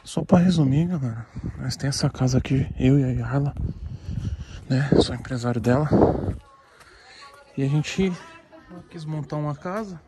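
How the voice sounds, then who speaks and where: A man's voice: mid-range voice, normal speed, pauses often, background noise. A young man vlogging casually on a phone camera, teasing people and dropping slang. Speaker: vlogger and manager. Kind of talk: casual street vlog chat. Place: outdoors at night by a police station, then indoors. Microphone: phone camera at arm's length.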